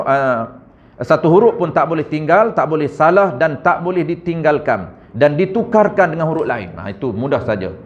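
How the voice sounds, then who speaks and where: Brief: Malaysian Malay male religious teacher, slightly high voice, muffled lo-fi recording, corrective tone. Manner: corrective, demonstrates recitation slowly, drawn out; addresses audience as tuan-tuan, frequent "ha". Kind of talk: Quran recitation class.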